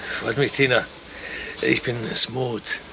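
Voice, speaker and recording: Playing a kindly, put-upon servant in his fifties, this actor delivers naturalistic radio play lines slowly, with a medium pitch, vocal fry, and fairly even intonation. The character comes across as polite, hesitant, and earnest, with a friendly, bashful mood. Background noise can be heard.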